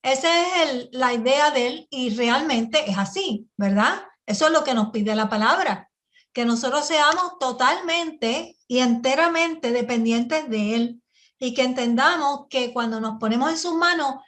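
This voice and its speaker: A woman's voice: high-pitched, measured pace, a bit bright. A woman teaching a Bible study sermon, often asking her listeners "right?" as she explains. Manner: teaching with frequent rhetorical "¿verdad?" and restarts.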